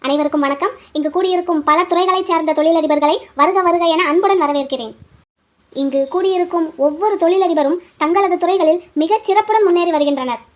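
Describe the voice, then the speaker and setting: A woman's voice: very high voice, fairly quick, highs cut off. A woman voicing a formal stage announcer at a business awards event in a cartoon. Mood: ceremonious. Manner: formal, ceremonious delivery.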